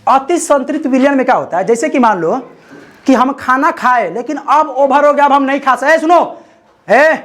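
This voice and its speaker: A man's voice: extremely high pitch, fairly quick, a bit bright, a little hiss or hum. A man teaching a chemistry class, telling a joking story and asking his students over and over whether they understand. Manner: teasing, repeats checks for understanding. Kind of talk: classroom lecture.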